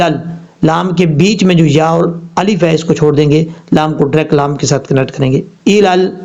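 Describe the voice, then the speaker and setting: A man with a Pakistani Urdu accent and a slightly high, darkish voice gives a tajweed lesson on Quran recitation, explaining each rule step by step before reciting the example words slowly and drawn out. The recording sounds dull and lo-fi.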